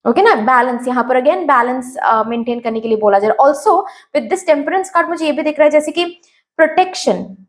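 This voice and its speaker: A woman's voice: high-pitched, expressive, normal speed. A woman giving a tarot reading, speaking straight to the viewer, mixing English words into her Hindi and repeating phrases. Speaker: tarot reader.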